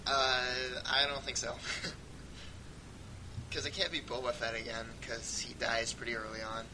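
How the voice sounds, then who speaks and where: A man co-hosting a casual fan podcast, chatty and quick to laugh, often trailing off and restarting his sentences. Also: little pitch movement. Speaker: podcast co-host. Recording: noisy home recording with rumble.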